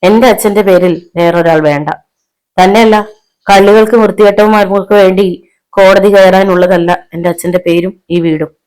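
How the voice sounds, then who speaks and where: A woman voicing a defiant young wife and mother in a storybook reading, speaking in a sharp, cutting way. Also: lowish voice, steady tone, fairly quick, close to an everyday voice, poor audio.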